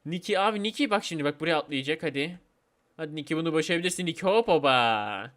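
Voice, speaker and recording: A man hosting a let's play video, chatty and excitable, talking straight to his viewers and gleefully trolling other players. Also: on the high side, racing. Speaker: gaming video host.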